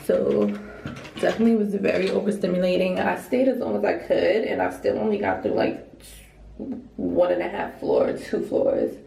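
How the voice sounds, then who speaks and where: A woman's voice: on the low side, very animated, normal speed, gravelly, dark tone, echoey room, slight background noise. A young woman vlogging casually about her trip, rambling and filling every sentence with "like". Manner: chatty and rambling, says "like" constantly. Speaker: travel vlogger. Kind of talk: casual chat to camera. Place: hotel room.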